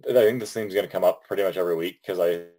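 Low, mellow man on a podcast. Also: racing, poor audio. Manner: hesitant, many ums and restarts, laughs often. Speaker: podcast co-host. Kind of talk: casual podcast chat.

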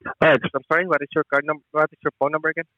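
On a thin, narrow phone line, a male customer service agent speaks in a slightly high voice with a level tone, rattling off his words rapid-fire with no echo. He stays polite and deferential, frequently addressing the caller as sir.

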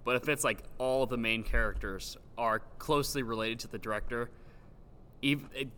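A man's voice: mid-range voice, fairly even intonation, moderate pace, pushed and bright. A young man talking as a guest in a hesitant, casual way with many likes and ums, recorded in a big echoey old gym. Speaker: guest, stage actor. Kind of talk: casual chat. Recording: roomy hall echo, faint background hum.

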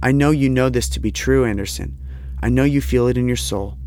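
A man's voice: medium pitch, a little fast, a little mellow, close to an everyday voice. A man playing an earnest, haunted visionary in an audio drama, speaking with solemn intensity and formal diction. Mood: convinced, insistent. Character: earnest, haunted young male visionary, convinced of destiny.

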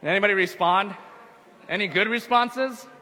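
An earnest man preaching a sermon, high and bright in tone, leaning on repetition and rhetorical questions. His voice carries a long reverb through a church sanctuary. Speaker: pastor.

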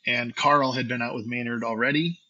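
A man's voice: mid-range voice, fairly quick, slightly rough. A man guest, a saxophonist from Florida, casually telling a rambling story and acting out old phone calls. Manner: rambling, animated, acts out quoted phone calls. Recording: dull lo-fi audio.

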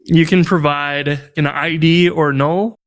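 Male podcast co-host, slightly high, smooth voice, casual and animated. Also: takes it slowly. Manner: animated, exasperated storytelling. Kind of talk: casual tech chat.

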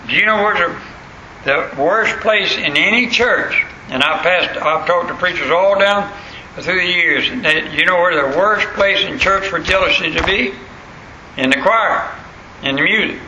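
A man's voice: high-pitched, a little slow, pushed and bright, muffled recording. An older man with a rural Southern US accent and an old country voice, preaching a sermon in a plain-spoken, folksy way and repeating phrases for emphasis. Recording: echoey room, faint background noise.

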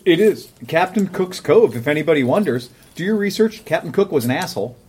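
A man's voice: a little high, animated, a little fast, darkish tone, slightly rough. A man co-hosting a casual podcast, telling a profane travel story and laughing often. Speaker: podcast co-host. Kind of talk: casual chat.

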